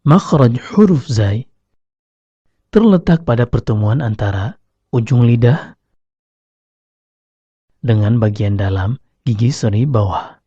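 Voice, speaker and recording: A man giving slow, deliberate scripted narration as a recitation teacher, demonstrating each sound himself. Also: mid-range voice, animated, mellow, husky, no room sound. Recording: dry, slightly dull lo-fi recording.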